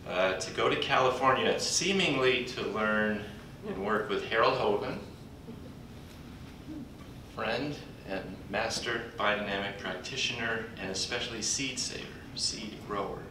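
An elderly speaker stands at a podium in a spacious conference hall and presents a colleague, his folksy manner broken up by hesitant pauses. The audio comes from a computer recording the podium mic from far away, with hall echo and a low rumble.

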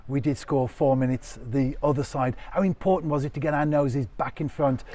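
A man's voice: medium pitch, fairly even intonation, normal speed, mellow. A man interviewing a coach for a club channel, reading formal lead-ins to his questions. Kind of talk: post-match interview questions.

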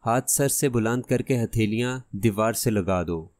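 A man voicing a cunning masked gunman in an audiobook who gives hushed, threatening orders. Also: on the low side, dry recording, natural voice. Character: menacing masked male gunman, cunning and cold.

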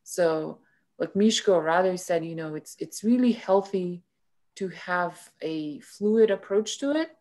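A middle-aged woman speaking as a guest on a video call, reflective and conversational, with halting phrasing and many "you know" asides. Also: on the low side, animated, darkish tone. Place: indoor room with bookshelves.

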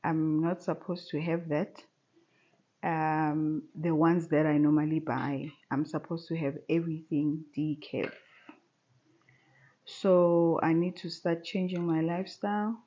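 A woman in her thirties vlogging casually from a living room sofa, talking in a relaxed, chatty way with many pauses. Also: sits low, highs cut off. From South Africa. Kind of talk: casual chat to camera. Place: bright living room at home, seated on a sofa.

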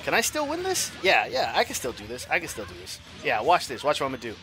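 Excitable trash-talking gamer guy. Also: mid-range voice, fast, over music. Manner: excitable trash talk with swearing and shouts. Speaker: gaming streamer. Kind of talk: live gameplay commentary.

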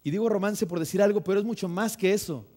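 A young man with a Mexican Spanish accent preaching a sermon in church, conversational and humorous, often turning to the congregation with lively asides. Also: sits high, fast talker. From northern Mexico. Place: church sanctuary.

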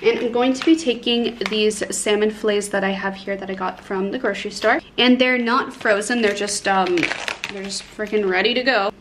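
Speaking at a moderate pace with a medium pitch and fairly even intonation, this woman in her twenties sounds a bit bright, with slight background noise. She's a beauty and lifestyle vlogger talking casually to her viewers indoors at home, in the living room and kitchen, in a bubbly, informal, self-deprecating way.

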